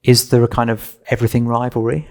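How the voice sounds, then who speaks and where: A man's voice: mid-range voice, level tone, fast talker. A man hosting a podcast and interviewing his guest conversationally. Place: church side hall.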